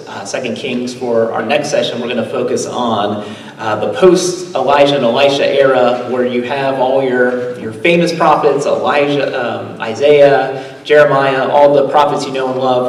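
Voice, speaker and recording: A male pastor teaching the Bible in a relaxed, casual way, retelling the stories in everyday speech with many fillers. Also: medium pitch. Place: church hall. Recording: echoey hall, voice from far off.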